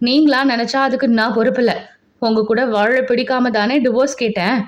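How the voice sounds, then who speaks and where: A woman's voice: fairly high pitch, fairly even intonation, fairly quick, close to an everyday voice. A woman voicing a pregnant young wife in an audio novel, who snaps back sharply and stubbornly. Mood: angry. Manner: sharp and snapping. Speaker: nurse. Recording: dull lo-fi recording.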